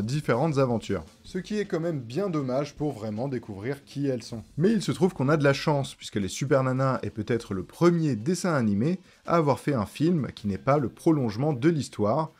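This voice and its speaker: A man with a mid-range, darkish voice narrates a scripted video essay, sprinkling in casual slang and joking asides. Music plays behind his voice.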